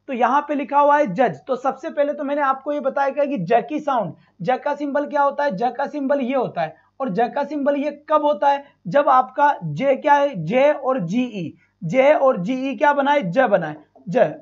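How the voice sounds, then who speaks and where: A male teacher runs a live online exam-prep class, calling students "beta" and repeating sounds slowly. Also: very high-pitched. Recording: dull lo-fi stream.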